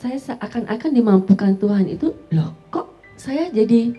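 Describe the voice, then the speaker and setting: A woman recounting her personal testimony on a church talk show. Her voice is soft and mellow with a husky edge, and her delivery is conversational. She keeps turning to the host with a polite "Pak". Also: a little high, animated, normal speed, faint music behind, low-quality recording. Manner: conversational, often adds "Pak" to address the host.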